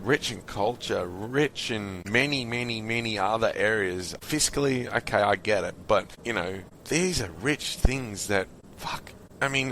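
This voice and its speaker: An Australian man with a low-pitched voice rambles through casual podcast talk, restarting sentences and swearing offhandedly. A faint background hiss sits under the recording. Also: fairly bright tone, rough recording. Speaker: podcast host. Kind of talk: casual conversation.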